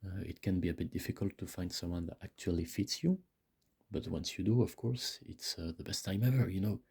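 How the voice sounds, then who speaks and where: A man's voice: sits low, brisk, dark tone, breathy edge. A man speaking very close to the microphone in a casual, rambling monologue, hesitant and often searching for his words. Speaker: video creator. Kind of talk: casual rambling monologue, self-help musing. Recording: close-miked with mouth clicks.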